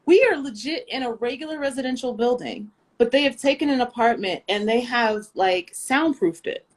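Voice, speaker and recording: An American woman chatting casually, telling a lively story full of fillers and asides. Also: a little high, moderate pace. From United States. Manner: animated storyteller, lots of fillers. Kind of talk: casual chat.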